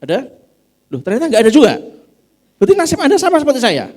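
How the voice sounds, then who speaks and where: Javanese guy preaching in church, pretty high voice, acts out family chats. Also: wildly swooping pitch, fast, a little mellow. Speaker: pastor. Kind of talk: sermon.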